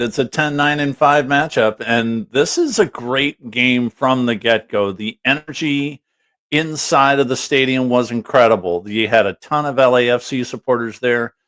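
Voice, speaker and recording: A man's voice: medium pitch, measured pace, a bit bright. A man co-hosting a casual soccer talk show, chatty and enthusiastic as he recaps games. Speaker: podcast co-host.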